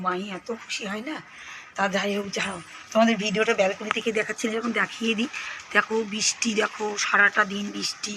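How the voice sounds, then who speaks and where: Hoarse woman chatting fast to viewers. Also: medium pitch, background noise. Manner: chatty, addresses viewers directly. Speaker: lifestyle vlogger. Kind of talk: casual home vlog narration. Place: home kitchen and balcony.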